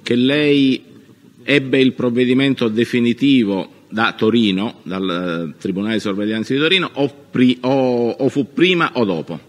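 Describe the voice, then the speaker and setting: Formal male lawyer in an echoing courtroom. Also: mid-range voice. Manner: halting, formal, probing. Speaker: lawyer questioning a witness. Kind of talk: courtroom cross-examination. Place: large reverberant courtroom. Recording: echoey courtroom with long reverb.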